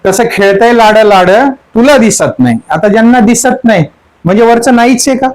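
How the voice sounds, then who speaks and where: A man's voice: high voice, animated, moderate pace, darkish tone, low-quality recording. A man, a spiritual teacher, giving a sermon that explains song lyrics. He keeps asking his listeners questions and repeats the song line again and again. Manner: asks the audience question after question.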